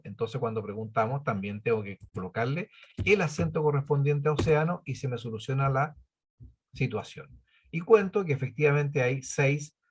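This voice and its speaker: A man's voice: medium pitch, breathy edge. A man teaching a spreadsheet lesson, patiently explaining formulas step by step and counting items aloud. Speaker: computing teacher.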